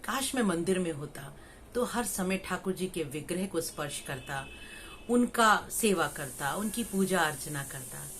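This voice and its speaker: A woman's voice: fairly low pitch, lively intonation, measured pace, a bit bright, a little hiss or hum. A woman voicing a pious young man who longs to serve in a temple, in a spoken story. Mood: longing. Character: pious young man stuck in a brothel job, longing.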